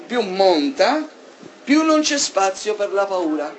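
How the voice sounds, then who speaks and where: A man preaching a sermon in an animated way, swinging between loud emphasis and soft asides. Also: sits high, slow pace, a little hiss or hum.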